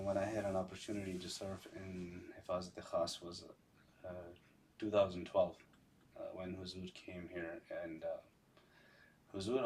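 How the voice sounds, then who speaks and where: Deep-voiced man, halting storyteller. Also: darkish tone, far from the mic, a little hiss or hum. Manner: halting, hesitant delivery with repeated phrases. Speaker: podcast guest. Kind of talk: conversational personal recollection.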